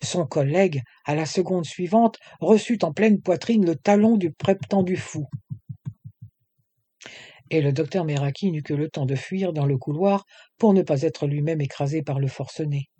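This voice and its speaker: Male audiobook narrator, measured delivery with light character shading, a touch high-pitched, mellow timbre. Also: slightly rough. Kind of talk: audiobook reading of a French adventure novel.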